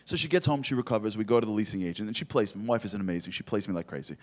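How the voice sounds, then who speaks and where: A man's voice: lowish voice, rapid-fire. A man giving a comic, storytelling motivational speech, punchy and full of rhetorical questions. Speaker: motivational speaker.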